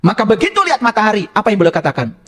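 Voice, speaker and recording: A man preaching to a live audience in a high voice that leaps up and down. He jokes, fires questions at the listeners and drops into local phrases. His delivery is playful and conversational rather than solemn. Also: huge pitch swings, racing. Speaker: religious teacher. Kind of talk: interactive religious lecture to an audience.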